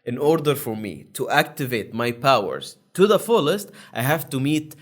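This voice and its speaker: A man's voice: medium pitch, very animated, normal speed. A young man hosting his own channel, explaining in a casual, rambling monologue with many fillers and restarts. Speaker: YouTube channel host.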